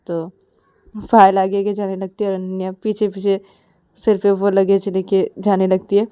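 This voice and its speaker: A woman's voice: medium pitch, monotone, moderate pace, warm tone, smooth, no echo. A woman narrating a love story in a casual, plain storytelling manner.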